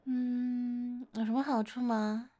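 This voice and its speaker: A slow, fairly high-pitched, soft-spoken older-sister figure, played by a woman in a romantic role-play audio. She teases and coaxes her admirer playfully, drawing out her words with gentle affection. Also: flat delivery. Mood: teasing, coaxing. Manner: coaxing, playful teasing, gentle laughter. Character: teasing, affectionate older-sister woman wooed by a younger man.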